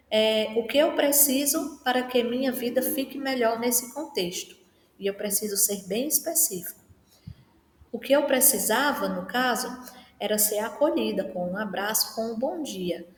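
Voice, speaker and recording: A woman giving a classroom lecture, explaining step by step and often ending phrases with a questioning tag. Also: a little high. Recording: echoey hall with long reverb.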